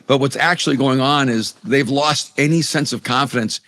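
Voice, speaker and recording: A middle-aged Salvadoran man, native in Spanish, is the author and pastor guest in this conversational interview. He speaks earnestly at a moderate pace with a medium pitch and a sharp tone, often restarting his sentences and repeating words.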